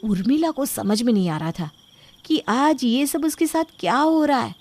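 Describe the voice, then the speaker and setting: A woman narrating a family story in a calm storytelling tone. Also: high-pitched, moderate pace. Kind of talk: scripted narration.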